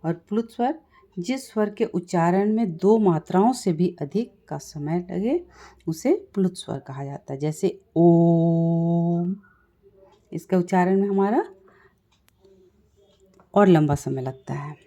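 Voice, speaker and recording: Slow, mellow woman teaching grammar. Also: fairly low pitch, expressive. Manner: explains slowly, repeats points, asks and answers own questions. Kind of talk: classroom-style lesson explanation.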